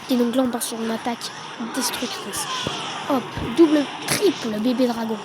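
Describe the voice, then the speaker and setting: A woman giving relaxed, chatty play-by-play commentary on her own gameplay, with quick excited bursts. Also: fairly high pitch. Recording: noticeable background noise.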